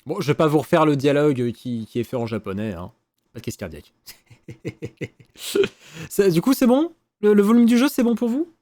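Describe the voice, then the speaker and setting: A man streaming a video game, chatting casually and excitedly, swearing and thinking out loud. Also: fairly high pitch, moderate pace, dry recording, studio quality. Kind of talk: casual let's-play commentary. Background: faint game music.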